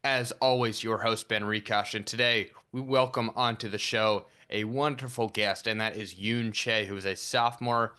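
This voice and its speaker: Male interview host, low and very bright, upbeat with filler ums. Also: fairly even intonation, normal speed, few pauses, clear, resonant tone, rough recording. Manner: upbeat, friendly with frequent ums. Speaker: podcast host. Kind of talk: interview podcast.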